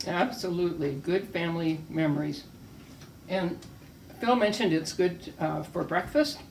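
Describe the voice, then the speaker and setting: A woman's voice: on the low side, a little slow, gravelly, darkish tone. An older woman co-hosting a homemade cooking video, chatting casually and gushing over the food as she tastes it. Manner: gushing, savoring the food aloud. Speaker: co-host of a home cooking video. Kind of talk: casual cooking demo chat. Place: room in a retirement community home. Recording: echoey room, voice from far off, faint hiss.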